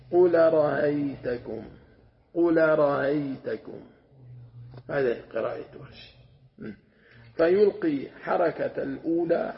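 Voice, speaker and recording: A man, teaching a religious lesson as a sheikh, patiently explaining and sounding out words slowly with repetition. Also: fairly high pitch, creaky. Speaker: sheikh teaching Quran commentary. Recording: dull lo-fi lecture recording.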